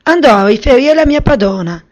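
A woman's voice: a little high, animated, fairly quick, pitched above the performer's own voice. A woman voicing an eager, obliging young housekeeper in a raised voice. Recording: slightly muffled recording.

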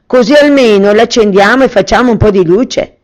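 A woman voicing an eager, excitable young boy in a children's fairy tale, with a high, excited voice. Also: normal speed, lightly acted. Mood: urgent. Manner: high, excited, loud calls.

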